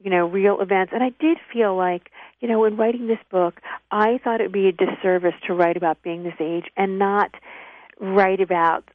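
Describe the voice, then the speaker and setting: A self-mocking woman in her fifties tells stories in a chatty, animated way as an interview guest. Her voice comes over a thin, tinny line. The sound is dry, with no room around it. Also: mid-range voice, moderate pace, no room sound. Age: 50s. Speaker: author and actress guest. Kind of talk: radio interview chat.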